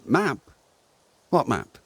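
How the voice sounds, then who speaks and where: A man acting a superstitious, plaintive rustic farmer in a video game, with a husky, colloquial delivery. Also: medium pitch, big pitch swings, extremely slow, a bit bright, no room sound, heavily acted. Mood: evasive.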